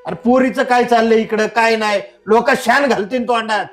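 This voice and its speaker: A man's voice: extremely high pitch, steady tone, normal speed. A man playing a harsh domineering village father. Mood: angry. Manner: scolding, contemptuous shouting. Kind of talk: short drama acting.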